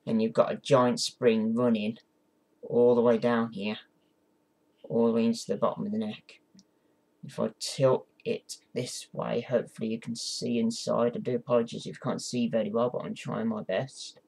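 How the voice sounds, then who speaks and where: An amateur ventriloquist gives a casual vlog tutorial, sounding hesitant and apologetic while offering encouraging words to his viewers. His mid-range voice is gravelly and darkish, with a level tone and a moderate pace.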